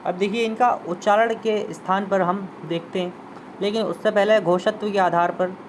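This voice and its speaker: A man's voice: high-pitched, fairly even intonation, moderate pace, a little hiss or hum, rough recording. A man teaching a Hindi grammar lesson, repeating terms and sounding out example vowels while inviting students to try them. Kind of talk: classroom lesson explanation.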